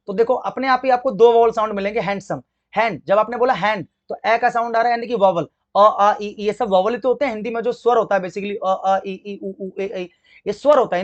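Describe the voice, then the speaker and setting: In this exam-prep grammar lesson, a high-pitched man teaches English while speaking Hindi, with the accent to match. He spells words out slowly and answers his own questions to the class, and the recording sounds muffled.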